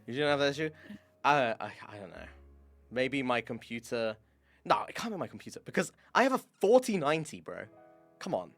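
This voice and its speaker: A young man hosting a casual livestream, his pitch bouncing all over as he talks frankly, laughs things off and curses when the tech fails. Faint music plays underneath. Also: big pitch swings, brisk, fairly bright tone. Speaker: streamer host.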